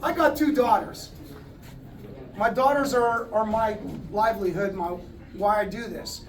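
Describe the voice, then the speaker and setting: Speaking unhurriedly in a high-sitting voice, a contracting business owner addresses a company party in plain words, stumbling through fillers and restarts. The setting is an indoor event hall, captured by a distant mic amid the crowd.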